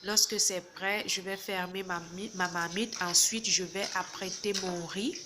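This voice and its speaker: Slow-talking woman explaining a recipe. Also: mid-range voice, steady tone. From not from Senegal. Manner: explains step by step, repeats "d'accord?". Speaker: home cook. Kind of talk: cooking tutorial. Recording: loud background noise.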